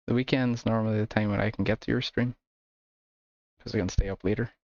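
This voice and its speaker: Irish guy streaming a game, lowish voice, chatting away to chat. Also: a little fast, dry recording, lo-fi sound. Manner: relaxed, chatty, laughs often. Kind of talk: casual gameplay chat with viewers.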